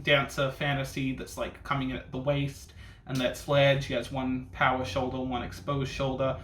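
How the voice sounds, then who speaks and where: A man's voice: mid-range voice, a bit bright. A man giving casual reaction commentary as a reviewer, with a sassy, bitchy drag-queen delivery full of camp slang and swearing. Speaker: reviewer hosting a ranking video. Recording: echoey room with faint noise.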